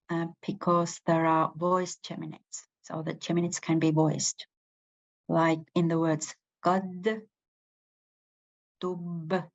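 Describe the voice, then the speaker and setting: Woman, Estonian accent, native Estonian speaker, language lecture, hesitant with fillers, slow delivery, muffled lo-fi recording. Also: on the low side. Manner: hesitant, many fillers and restarts. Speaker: language teacher. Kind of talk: unscripted online lecture.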